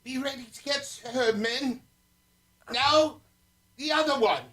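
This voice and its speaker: Imperious radio-serial prince, played by a man: high voice, theatrical orders, cold menace. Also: slow, sharp tone, heavily acted. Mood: commanding. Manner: commanding, theatrical. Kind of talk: old adventure serial radio acting.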